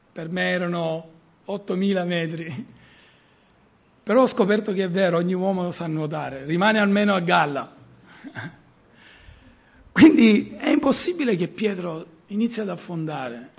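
A man's voice: high-pitched, creaky, husky. A middle-aged man preaching a sermon, earnest, with emphasis that rises and falls. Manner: earnest, rising and falling emphasis. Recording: muffled lo-fi recording.

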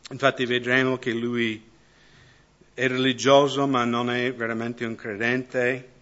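A man preaching a conversational sermon who keeps checking in with the congregation with quick tag questions. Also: medium pitch, little pitch movement, a bit bright, dull audio. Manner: keeps asking the congregation "no?" and "giusto?".

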